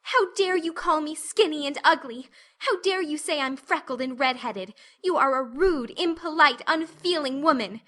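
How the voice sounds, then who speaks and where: A woman voicing a fiery, passionate red-haired orphan girl, shouting in choked fury. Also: high-pitched, moderate pace, pitched above the performer's own voice. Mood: furious.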